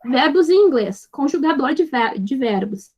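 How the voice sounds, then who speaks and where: An animated woman with a high, slightly mellow voice, heard on dull audio, patiently teaches English grammar step by step. She checks with her students after almost every phrase and spells out her examples slowly and clearly.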